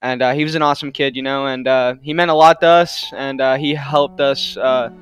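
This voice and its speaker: A young man giving a heartfelt anniversary speech to his gaming community, pausing often with "uh" and "um". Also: medium pitch, steady tone, a bit bright, clear, resonant tone, no echo, faint music behind. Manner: halting, full of "uh" and "um" fillers.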